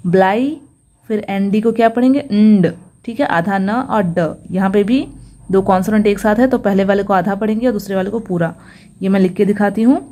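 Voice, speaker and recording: A woman teaching English reading in a patient phonics lesson, slowly sounding out each syllable and checking in often. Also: mid-range voice, dark tone.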